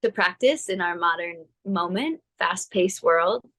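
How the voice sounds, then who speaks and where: Lower-voiced woman, thoughtful yoga guest. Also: a bit bright, rough recording. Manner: thoughtful, measured, some hesitations. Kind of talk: reflective personal interview. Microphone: video call.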